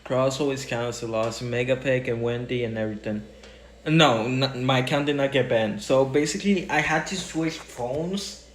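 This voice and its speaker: A man's voice: mid-range voice, a little hiss or hum. Casual man chatting while gaming. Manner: rambling, talks to chat while playing; quick bursts, trailing off mid-sentence. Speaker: streamer. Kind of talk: casual gaming livestream chat.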